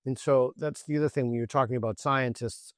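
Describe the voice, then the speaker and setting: A man's voice: mid-range voice, fairly even intonation, brisk, no echo, clean studio sound. A man talking as a guest author in an interview, earnest and argumentative, often restarting his sentences. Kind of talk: interview conversation.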